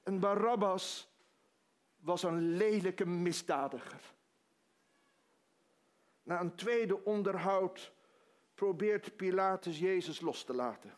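A man's voice: sits high, slow pace, long pauses. A man preaching a sermon, retelling a story dramatically with quoted dialogue.

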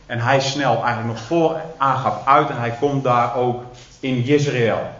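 A man's voice: mid-range voice, fairly even intonation, a little slow, fairly bright tone. A man preaching a sermon, retelling a Bible story with dramatic emphasis and hesitant fillers. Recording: roomy, dull recording.

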